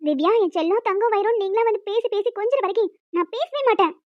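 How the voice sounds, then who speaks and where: A clingy young village wife, high and girlish, pleading and chattering on without pause, as a woman voices her. The recording is dry and a little dull, with no room around the voice. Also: dry recording. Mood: defensive. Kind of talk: Tamil audio romance drama.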